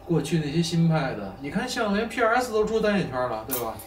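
Fast-talking man with a Beijing accent. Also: a little high, very animated, roomy sound, far from the mic, slight background noise. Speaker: guitarist reviewing gear. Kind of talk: casual chat.

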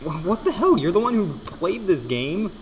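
Here the voice sits high and sing-song at a moderate pace, with slight background noise. It's a young man's let's play: joking, swearing, stumbling and restarting as he plays, all in an echoey room with long reverb.

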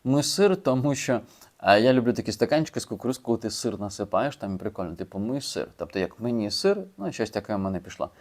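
A man's voice: on the low side, expressive, fast, a little mellow. A man casually explaining how he learns vocabulary, chatty and informal, with fillers and restarts. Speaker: language learner sharing his method. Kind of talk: casual video lesson.

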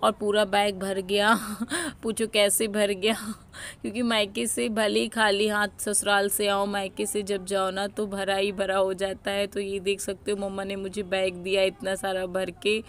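Creaky-voiced young woman vlogger from Uttar Pradesh. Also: mid-range voice, level tone, measured pace, slight background noise. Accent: Uttar Pradesh Hindi. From Uttar Pradesh, India. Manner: chatty, addresses viewers as guys. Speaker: family vlogger. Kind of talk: casual vlog narration over footage.

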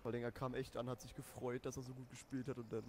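A man's voice: medium pitch, level tone, racing, darkish tone. A young man chatting casually with friends as a fellow player in a video game, over a noisy voice chat. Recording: noisy voice chat, background noise.

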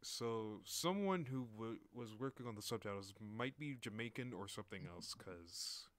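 A man's voice: lowish voice, expressive, normal speed, fairly bright tone, dry recording. A man streaming live, casually joking and commenting over a video he watches.

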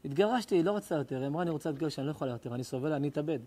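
A middle-aged rabbi preaching to a live audience in a rather high voice. He tells stories with passion, jumping from near-shouts down to soft, intimate lines. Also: lively intonation, slight background noise. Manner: impassioned, swings between loud cries and hushed tones. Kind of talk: emotional sermon with storytelling. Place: live lecture before an audience.

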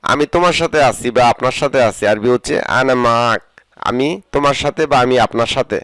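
A Bengali-speaking man teaching spoken Arabic, saying each phrase, repeating it slowly and translating it. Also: mid-range voice, a bit bright, dry recording. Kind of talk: spoken vocabulary lesson.

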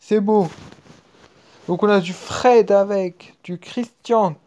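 Man, French accent, gaming commentary, mellow tone, muttering then excited outbursts, casual. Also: sits high, slow. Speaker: gaming video creator. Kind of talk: casual live commentary while opening card packs. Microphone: screen-recording app mic.

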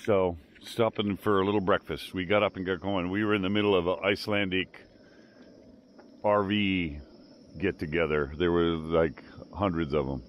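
A man in his sixties chatting casually in a travel vlog, relaxed and enthusiastic, recorded outdoors on a camera mic. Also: sits low, normal speed, dull audio, slight background noise. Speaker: travel vlogger. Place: outdoors by a glacier lagoon and roadside.

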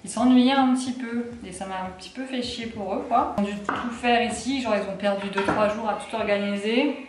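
A woman's voice: fairly high pitch, fairly even intonation, fairly quick. A young woman vlogging casually, chatty and exasperated, with lots of fillers and sarcastic asides. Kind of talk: casual vlog chat. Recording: echoey room with faint noise.

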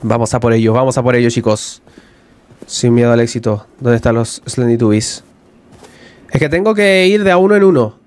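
A man giving casual let's-play commentary on a horror game, jumpy and talking to his viewers, yelling when he is attacked. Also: mid-range voice, normal speed. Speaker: gaming YouTuber.

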